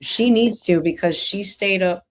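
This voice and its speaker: A woman's voice: medium pitch, measured pace. A woman hosting a live stream, chatting casually and rambling with lots of restarts and fillers. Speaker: stream host.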